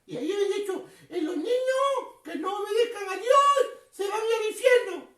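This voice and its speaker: A woman in a clown preacher role tells a Bible story to children in a very high, squeaky voice. She sounds giggly and half-tearful and repeats words in a sing-song way. She is heard from some distance in an echoey room. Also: animated, moderate pace, a bit bright.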